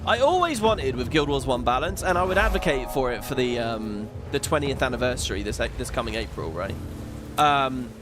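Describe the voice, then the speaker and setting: With game music in the background and a noisy recording, a male streamer talks at a normal speed in an expressive, mid-range voice. His gameplay commentary is casual and full of opinions, and he curses without holding back.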